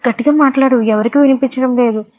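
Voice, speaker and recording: An arrogant, cruel young college man from an audio storybook, as a woman storyteller puts him on. He talks in a taunting, mocking way, in a fairly high voice. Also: fairly even intonation, fast talker, narrow, tinny audio, close to an everyday voice.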